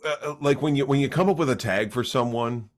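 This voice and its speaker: A stand-up comic chats casually as a podcast guest, his medium-pitched voice moving a little fast. He tells rambling, joking stories and keeps restarting them.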